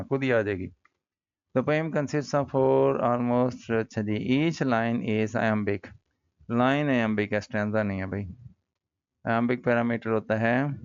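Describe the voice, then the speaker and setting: A male teacher with a Pakistani accent, giving a casual poetry lesson that mixes Hindi-Urdu explanation with slow, careful reading of English lines. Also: fairly low pitch, dry recording. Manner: casual, addresses students as brother. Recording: dull lo-fi recording.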